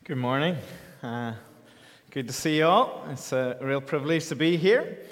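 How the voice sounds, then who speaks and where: A man's voice: medium pitch, normal speed, fairly bright tone. A man with a Donegal accent, a pastor preaching an informal, conversational sermon in an echoey church hall. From County Donegal, Ireland. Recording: echoey hall with long reverb.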